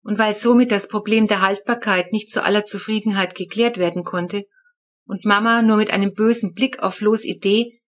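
A woman reading a children's storybook aloud, telling the story in a lively first-person voice. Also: mid-range voice, normal speed. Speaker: audiobook reader.

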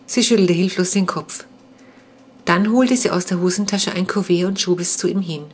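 Woman narrating a children's audiobook, calm measured reading, low voice, faint background noise. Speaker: author reading her own book.

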